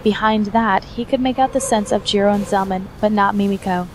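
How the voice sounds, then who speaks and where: A woman narrator gives a brisk reading of a scripted fan fiction story, her voice sitting in the mid range. The amateur recording is noisy, with a steady hum of background noise.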